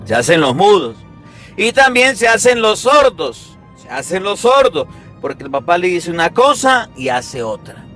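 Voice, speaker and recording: A man with a high voice preaching a Sunday sermon, lively and emphatic, throwing rhetorical questions at his listeners. Faint music plays behind him. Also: moderate pace. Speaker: priest.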